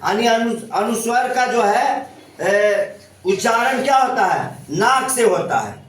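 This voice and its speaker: A male teacher with a very high voice leads a classroom grammar lesson. He keeps asking the students questions and checks again and again that they understand. He is picked up from far off in a very echoey room. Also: lively intonation, takes it slowly, a bit bright.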